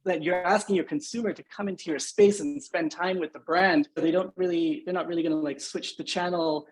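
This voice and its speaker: On a rough recording, a man from Singapore in his thirties, guesting on a podcast as an agency founder, reflects carefully while leaning on fillers like "you know" and "right?". He talks briskly in a high-ish voice with fairly level intonation.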